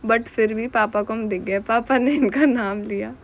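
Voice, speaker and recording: A woman's voice: a little high, steady tone, moderate pace, slight background noise. A young woman narrating a casual home vlog, telling a story in a chatty, giggly way. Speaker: vlogger.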